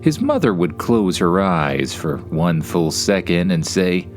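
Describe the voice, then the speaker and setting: With a low voice, wide pitch swings and a slightly slow pace, a Canadian-accented man hosts and narrates a children's bedtime story. His delivery is informal and conversational, full of wry, dry playfulness, with faint music in the background.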